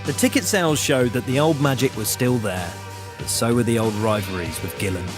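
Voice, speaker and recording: A man narrating a music documentary in a measured, dramatic delivery. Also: mid-range voice. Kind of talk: scripted narration.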